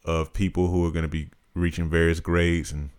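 A man in his thirties co-hosting a podcast, talking in a measured, reflective, casual way. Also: sits low, little pitch movement, a little mellow, clean tone. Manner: measured, reflective, practical-minded. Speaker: podcast co-host. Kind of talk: casual chat.

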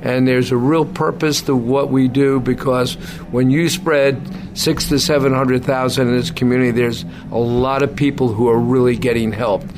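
Man, mid-range pitch, casual promotional talk, interview panelist, racetrack setting, clear background noise. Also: fairly even intonation, moderate pace. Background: racetrack ambience.

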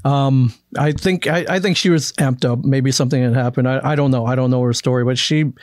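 A man's voice: medium pitch, fairly quick, no room sound. Dry-sounding man telling a story. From American Midwest. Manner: storytelling, restarts often, animated when quoting. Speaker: guest. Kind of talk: casual conversation.

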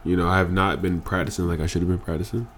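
A man's voice: deep voice, flat delivery, racing, a little hiss or hum. A man, a podcast guest, talking earnestly and emphatically, stressing points by repeating phrases, still emotional after crying. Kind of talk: emotional candid conversation.

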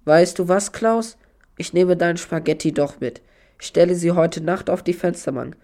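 An actor playing Jan, an eager friend in a radio play, who tells his story insistently and sounds gravelly. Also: sits high, normal speed, darkish tone. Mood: hopeful. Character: Jan, a friend telling a strange cat tale.

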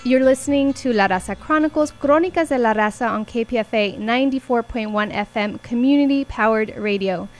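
A woman hosting a community radio interview from the studio, with clear, scripted introductions. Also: fairly high pitch, fairly quick, hardly any pauses, soft background music. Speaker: radio host.

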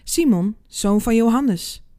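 Woman reading a gentle grown Jesus, calm quoted lines, mellow tone. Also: on the high side, slow pace, dry recording, studio quality. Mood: tender. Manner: calm, read-aloud quotation. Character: gentle Jesus, grown man, calling to his disciples.

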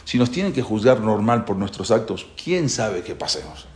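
A man's voice: fairly low pitch, very animated, moderate pace, a little mellow. A man teaching a religious class who explains the prayers with many rhetorical questions. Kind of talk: Torah class. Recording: echoey room.

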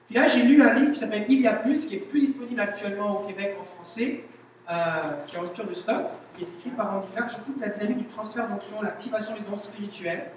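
Quebec French male pastor, animated teaching sermon, very reverberant church hall, mic set back. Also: high voice, a little hiss or hum. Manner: animated, explanatory, with everyday examples. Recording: very echoey hall, mic at a distance.

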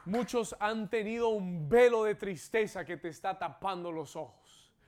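A man with a notably high voice preaches in a church service, speaking Spanish and echoing lines in English. He moves from quiet questions to fervent, rising exclamations. His delivery is that of a pastor working a live congregation. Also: measured pace. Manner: preaching, builds to exclamations and call-outs. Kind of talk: bilingual sermon with English echoes.

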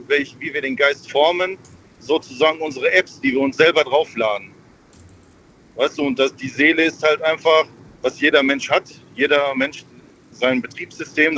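Man calling in on a car speakerphone. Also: fairly high pitch. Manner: explains calmly with tech comparisons. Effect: car hands-free speakerphone on a phone line. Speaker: caller. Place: driving in a car. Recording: muffled lo-fi car phone line with faint road noise.

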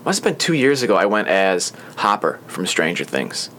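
A young man with a fairly low voice hosts a casual podcast from a small studio, rambling along with plenty of ums and restarts. A faint hiss sits under his voice. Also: sing-song, moderate pace, fairly bright tone. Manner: chatty, rambling with frequent fillers. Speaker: podcast host. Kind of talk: casual chat.

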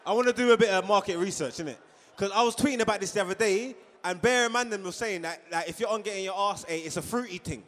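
A man hosts a live comedy show in a London roadman accent. His high-pitched voice is insistent and repetitive, packed with street slang. The sound carries long reverb from the hall. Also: fast, a bit bright. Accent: London, urban street slang. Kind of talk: rowdy comic crowd banter. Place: live venue stage.

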